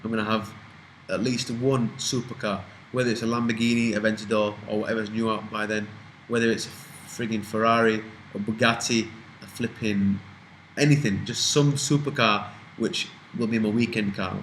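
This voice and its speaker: A UK man in his twenties speaks in a fairly low, steady voice at a moderate pace, slightly bright, on a rough recording with some hiss or hum. He rambles casually through viewer questions in a Q&A chat, swearing freely.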